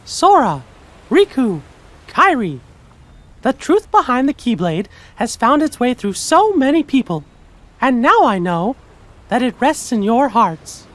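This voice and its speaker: A man voicing a small, plucky cartoon mouse hero in a squeaky falsetto for a video game cutscene. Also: very animated, a little slow, fairly bright tone, full character voice. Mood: earnest, tender. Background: background music.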